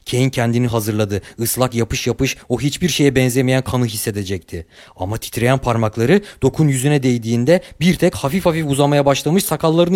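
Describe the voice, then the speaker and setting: A man's voice: medium pitch, darkish tone, no echo. Man narrating a story, dry close sound.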